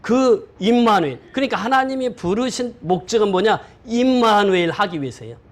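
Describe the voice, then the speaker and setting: A man's voice: high-pitched, animated, normal speed. A male pastor preaching a sermon, often quizzing the congregation with questions.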